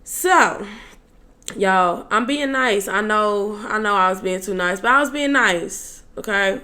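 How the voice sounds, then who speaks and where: A woman's voice: medium pitch, measured pace, bright, forceful tone. A young woman telling a casual story-time tale to her viewers in a chatty, slangy way, with exasperated asides to them. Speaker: storytelling vlogger.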